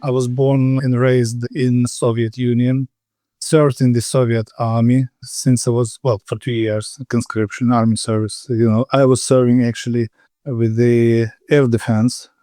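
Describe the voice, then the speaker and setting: A man in his fifties from Ukraine with a Ukrainian accent, a podcast guest telling his story casually with pauses and fillers. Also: mid-range voice, little pitch movement, mellow, no room sound. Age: 50s. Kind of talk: casual interview over a call.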